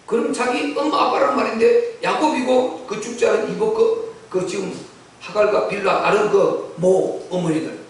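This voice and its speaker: A male pastor preaching a sermon, telling the story with animated delivery and acting out the lines of the people in it. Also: very high voice. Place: church sanctuary. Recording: echoey church hall from far off.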